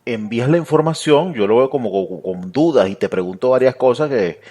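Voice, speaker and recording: Mid-pitched male podcast host. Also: expressive, brisk, mellow. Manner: formal greeting, brief agreeing backchannels. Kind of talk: podcast interview hosting.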